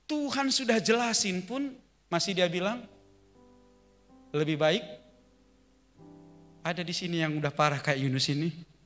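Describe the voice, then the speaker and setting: A man's voice: high voice, brisk, fairly bright tone, soft background music. A male pastor preaching in a church, telling the story with humor and asking the congregation questions. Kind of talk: sermon. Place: church sanctuary.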